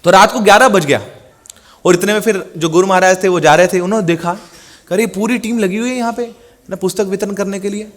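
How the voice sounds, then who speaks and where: A man's voice: high-pitched, fairly quick. A man telling a story in a sermon, acting out the quoted dialogue. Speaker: preacher.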